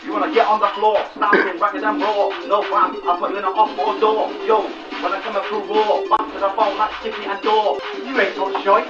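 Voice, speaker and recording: A man's voice: high voice, level tone, a little fast. A man rapping blunt, raw bars in a music video clip. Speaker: rapper in a played clip. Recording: dull distant roomy clip audio.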